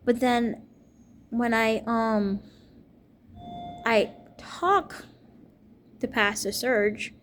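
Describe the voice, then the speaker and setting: A woman's voice: fairly high pitch, fairly even intonation, very slow, long pauses, a little hiss or hum. A woman in her thirties from Jamaica delivers a rambling personal monologue. Her talk is emphatic and repetitive, pressing each point again and again. She is a teacher and minister speaking her mind in a stream of consciousness. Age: 30s.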